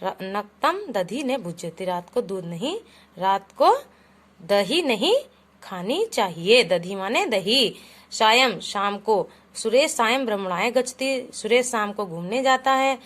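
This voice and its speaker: A woman with a mid-range, expressive and fairly bright voice speaks slowly as she teaches children Sanskrit. Patiently calling her pupils "beta," she reads each example aloud and then translates it into Hindi, explaining the words as a classroom lesson.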